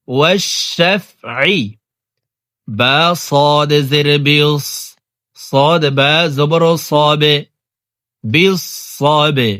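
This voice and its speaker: A man teaching Quran reading who spells out each letter and vowel, then draws the joined word out slowly, with quick spoken explanations of the rules in between. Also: mid-range voice, dry recording, studio quality. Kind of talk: slow spelled-out recitation lesson.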